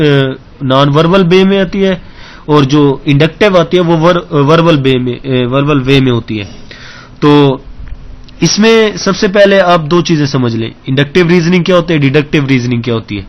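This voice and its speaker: Walking students through exam material one step at a time, this male teacher keeps checking their understanding with questions and slips English terms into his explanations. His voice is a little high, and the recording's highs are cut off.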